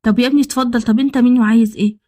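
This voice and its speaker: A woman with an Egyptian accent tells a story in the first person as a man of about thirty, talking fast and acting out the dialogue herself. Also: a little high, fairly even intonation, mellow, close to an everyday voice. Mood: eager. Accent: Egyptian Arabic. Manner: rapid, conversational retelling with quoted dialogue. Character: man around thirty, newly married, smitten and confessional.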